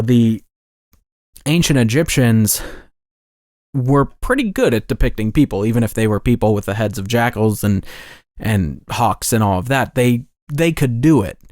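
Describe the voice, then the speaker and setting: Male podcast host, mid-pitched, rambling and self-correcting, dry close mic. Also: darkish tone, dry recording. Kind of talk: casual podcast monologue.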